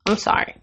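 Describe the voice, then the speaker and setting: A young adult woman co-hosting a podcast, telling a story in casual chat, animated and profane and laughing often. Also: slight background noise. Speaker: podcast co-host.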